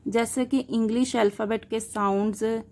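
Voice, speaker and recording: A woman's voice: fairly high pitch, steady tone, darkish tone. A woman teaching linguistics in a lecture, explaining terms step by step, asking questions and answering them herself, and mixing English words into her Hindi. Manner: slow, deliberate, spells out examples letter by letter.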